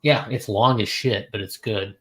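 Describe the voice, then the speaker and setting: Laid-back, low-voiced male podcaster. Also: steady tone, moderate pace, fairly bright tone. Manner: laid-back, blunt, with casual swearing. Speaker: podcast co-host. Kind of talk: casual chat.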